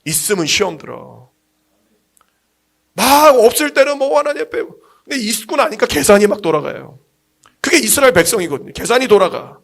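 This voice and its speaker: A man's voice: high-pitched, sing-song, a little fast, gravelly, long pauses, a bit bright. A man in his forties, a pastor preaching with passion and heavy emphasis, often repeating himself. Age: 40s. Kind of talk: sermon.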